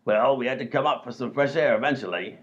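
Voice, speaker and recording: Talking quickly at a medium pitch in an unforced voice, this man gives a comedy radio play its bumbling, overconfident robber, all bluster and no brains. The audio is dull and lo-fi.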